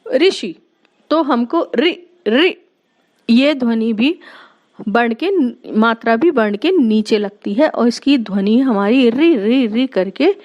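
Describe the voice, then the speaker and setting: A woman teacher giving a grammar lesson to young children, drawing out each sound and explaining patiently. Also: fairly high pitch. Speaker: school teacher. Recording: muffled lo-fi recording.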